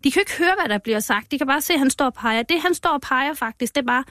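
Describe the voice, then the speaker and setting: A woman who is a mother, telling a personal account as a guest in an interview, halting and emotional with many restarts. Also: sits high, lively intonation, fairly bright tone, no room sound, clean studio sound. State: moved.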